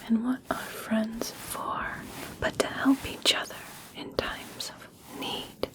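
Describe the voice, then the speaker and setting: A woman as a slow, whispering elf princess. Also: a little high, flat delivery, low-quality recording. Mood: soothing, caring. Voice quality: soft, breathy whisper. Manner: slow, gentle, soothing, hushed. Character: kind, reassuring young elf princess of a royal family. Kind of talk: ASMR personal attention roleplay.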